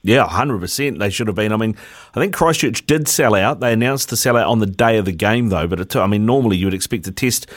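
A man's voice: on the low side, expressive, fast talker. A New Zealand man hosting sports talkback, chatting casually and colloquially in a matey way on a studio mic. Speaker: sports talkback radio host. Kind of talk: casual live radio chat. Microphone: radio studio mic.

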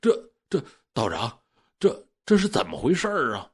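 A man voicing a worried, kind-hearted old farmer who stammers and exclaims in a husky voice. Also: medium pitch, huge pitch swings, moderate pace, a bit bright, exaggerated voice. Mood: fretful. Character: old male farmer, anxious and good-hearted.

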